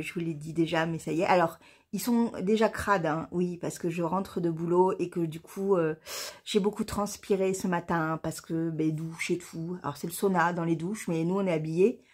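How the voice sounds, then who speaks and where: Woman, 40s, knitting vlogger. Casual, chatty delivery, quick to laugh, vents with some swearing. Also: fairly low pitch, darkish tone, slightly rough. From France. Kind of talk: casual chat to camera.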